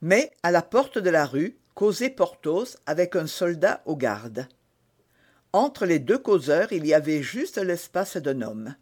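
A man reading a classic novel as an audiobook narrator, in a measured, expressive storytelling manner. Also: a little high, breathy edge.

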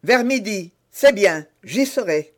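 A man's voice: sits high, lively intonation, slow, pitched above the performer's own voice. A man voicing an impatient, defiant young swordsman in a hurry, in an audiobook reading. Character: hot-headed young male swordsman in a hurry. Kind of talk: audiobook character voice.

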